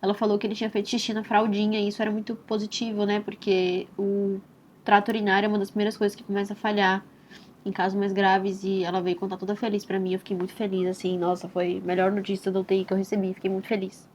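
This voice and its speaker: A young Brazilian woman tells her own story as a mother in a soft, tender and reflective way, often adding "né?" and "assim". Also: medium pitch, monotone, fast talker. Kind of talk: personal testimonial storytelling. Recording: slightly dull recording with faint hiss.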